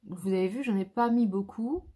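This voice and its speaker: A woman's voice: medium pitch, moderate pace, mellow, breathy edge. A woman, a makeup artist talking viewers through a makeup tutorial step by step in a chatty way. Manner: chatty, shows each step.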